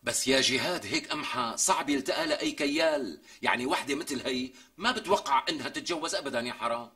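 A theatrical comic braggart. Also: male voice, medium pitch, big pitch swings, vocal fry, pushed and bright, reverberant, exaggerated voice. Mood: earnest. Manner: theatrical, exaggerated, drawn-out emphasis. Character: boastful man mocking a woman, melodramatic. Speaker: comic sketch character. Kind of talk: TV sketch comedy acting.

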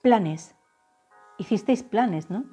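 A woman from giving a tarot reading to her viewers, saying the messages she channels slowly and softly. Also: medium pitch, lively intonation, slightly rough. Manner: slow, soft, drawn-out channeled phrases. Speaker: tarot reader. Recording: faint background music.

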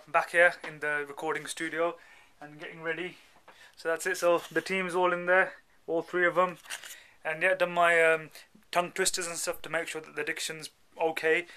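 A man's voice: fairly high pitch, bright, forceful tone, clean tone. A young man with a British accent keeping a casual video diary in an informal, matey, slangy way. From England. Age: young adult. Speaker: film actor, vlogger. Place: dubbing studio rooms and inside a parked car. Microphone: handheld camera at arm's length.

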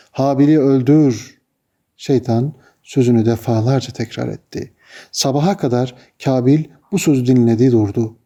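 A man tells an old religious story in a measured, solemn way. His voice sits at a middling pitch and sounds warm and relaxed. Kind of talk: narrating a religious tale.

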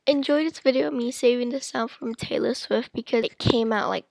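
A woman's voice: on the high side, brisk, creaky, very noisy. A young woman talking casually and effusively to her vlog viewers on a handheld camera. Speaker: vlogger.

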